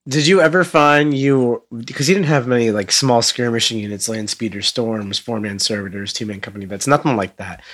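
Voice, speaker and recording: A man's voice: mid-range voice, brisk, hardly any pauses, a bit bright. A man chatting casually, conversational and questioning as he puts suggestions to others. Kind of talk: casual chat.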